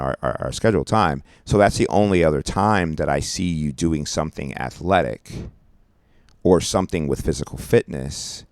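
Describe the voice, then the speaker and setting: A man's voice: rumbling low, creaky, darkish tone, no room sound. A man co-hosting a relationship podcast, talking casually in a rambling, affectionate way and laughing often, in a radio studio. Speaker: podcast co-host. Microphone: studio mic.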